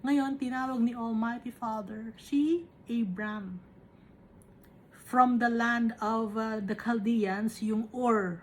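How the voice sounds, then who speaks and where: A woman preaching, reading Bible verses slowly and explaining them in a chatty way, often asking "right?". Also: on the high side, steady tone, slight background noise. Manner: Taglish, reads scripture slowly then explains conversationally with tag questions.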